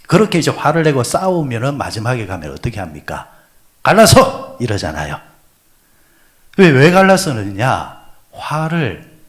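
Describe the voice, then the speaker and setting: A male pastor with a fairly low voice preaches at an early-morning prayer service. His pitch rises and falls a great deal as he puts questions to the congregation and answers them himself. He swings from loud exclamations to soft, breathy asides. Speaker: senior pastor.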